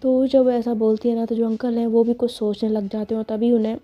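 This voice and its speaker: A woman's voice: fairly high pitch, little pitch movement, a little fast. A woman narrating a serial love story in a conversational, filler-heavy way, on a dull lo-fi recording.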